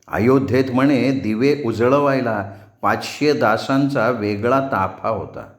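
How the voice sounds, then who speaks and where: A man reading a novel aloud as a storyteller, measured and descriptive. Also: mid-range voice. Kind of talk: audiobook narration of a novel. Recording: roomy echo.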